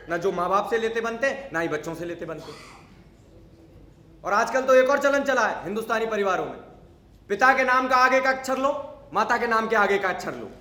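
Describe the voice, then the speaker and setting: Playing a cranky, antisocial middle-aged neighbor in a stage monologue, a male actor speaks in a high, sharp voice with a roomy sound. His tone is scolding, sarcastic, and lecturing.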